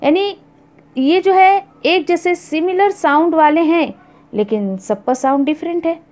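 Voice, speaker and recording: A woman gives a recitation lesson in a high, bright voice, speaking slowly and carefully. She repeats each word several times so learners can copy the sounds, and she mixes in English words as she explains. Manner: mixes English words into Urdu-Hindi speech. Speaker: Quran recitation teacher.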